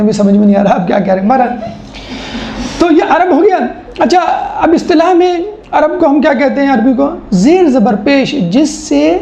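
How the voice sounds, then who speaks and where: A woman's voice: fairly high pitch, warm tone, roomy sound, muffled recording, a little hiss or hum. A woman lecturing as a teacher, explaining step by step with rhetorical questions and mimicking how people talk. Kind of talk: classroom lecture.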